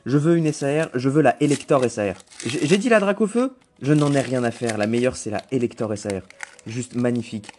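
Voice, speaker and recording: A young man chatting casually while opening trading card packs, who rambles between cards and breaks into excited shouting over good pulls. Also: medium pitch, fast, slight background noise.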